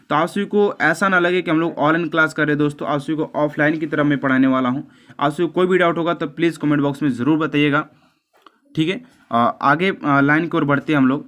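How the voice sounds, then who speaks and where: A man's voice: fairly high pitch, fairly bright tone. A man teaching an English lesson, explaining it in Hindi. He speaks hesitantly, with frequent filler sounds, stumbles over the English lines and talks to his viewers as friends.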